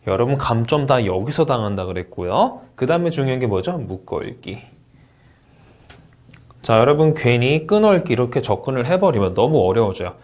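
A man's voice: mid-range voice, a little fast. A man teaching a test-prep lecture, asking rhetorical questions and carefully reading out English model answers. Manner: lively teacherly delivery, frequent "자" and rhetorical questions. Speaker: TOEIC Speaking instructor. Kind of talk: exam review lecture.

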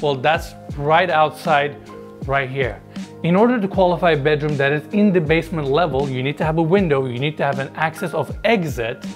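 A thirties man with a higher voice talks fairly quickly over soft background music, chatty and enthusiastic as he gives viewers a casual tour of a large house basement. He's on a lapel mic indoors, narrating straight to camera.

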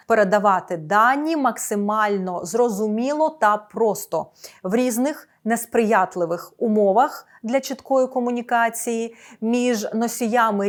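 A woman with a slightly high voice delivers a scripted video lesson. She speaks clearly and instructively, and slows down carefully whenever she pronounces an example. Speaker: English teacher.

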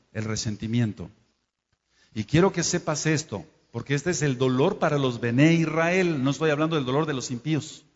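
A man's voice: mid-range voice, a little mellow. A man preaching a Torah study sermon, scolding and speaking straight to his listeners, and stopping to spell out and explain Hebrew terms. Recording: dull lo-fi sound in a reverberant hall.

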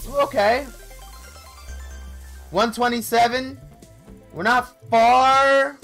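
A man's voice: very high-pitched, steady tone, drawn-out words, fairly bright tone, soft background music. A young man giving casual live commentary on slot play, talking in short remarks. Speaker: slot streamer. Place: indoor streaming setup.

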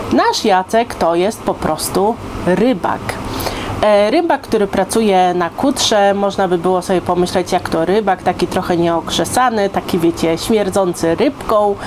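Casting: woman, thirties, informal book vlogger, conversational and full of check-in questions, medium pitch, noticeable background noise. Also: unhurried. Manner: conversational, addresses listeners with frequent rhetorical check-in questions. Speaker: book reviewer. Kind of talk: casual chatty book review to camera. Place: indoors, living room on a sofa.

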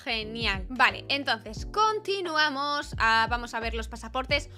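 A woman's voice: a little high, lively intonation, measured pace, pushed and bright, soft background music. A young woman giving playful, chatty commentary while she plays a game, reading on-screen lines aloud as she goes. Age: young adult. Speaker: gaming youtuber. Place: small bedroom with purple light. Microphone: studio mic on arm, close.

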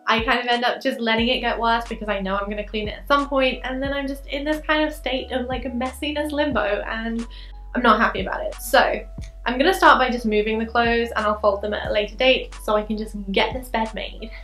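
With soft music in the background, a young woman talks briskly in a fairly bright voice on the high side, her intonation fairly even. She is a young adult lifestyle vlogger giving upbeat cleaning instructions as she tidies her bright indoor bedroom, in both voice-over and to-camera vlog form.

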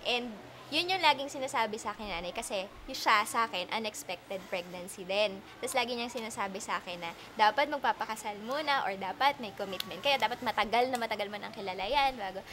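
A woman's voice: a little high, a little fast, a bit bright. Chatty woman, noisy background. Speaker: interviewee, daughter recalling her mother. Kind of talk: casual personal storytelling.

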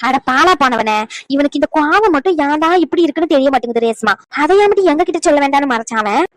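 Cartoon granny, over 60, high, fast and scolding, always fretting over her grandson, a woman voicing her, dry close sound. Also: animated, dry recording. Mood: alarmed. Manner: rapid, scolding chatter. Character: scolding, anxious old grandmother, doting on grandson. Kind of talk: cartoon family drama voice acting.

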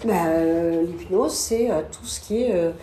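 A woman in her fifties explaining things casually on a live stream as a hypnotherapist, in a hesitant, halting way. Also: on the low side, dark tone. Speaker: hypnotherapist guest. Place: small indoor room. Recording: echoey room, noisy background.

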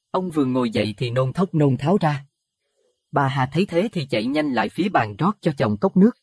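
A man narrating a Buddhist horror audio story in an expressive, dramatic way. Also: fairly high pitch, vocal fry, husky, no room sound, clean studio sound. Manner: expressive, rising to alarm at scary moments.

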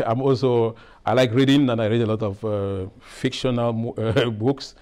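A middle-aged process engineer from Cameroon speaks in a steady, mid-range, darkish voice at a measured pace. Interviewed indoors in a lab with a lapel mic, he hesitates often, using many fillers and restarting sentences in this workplace interview.

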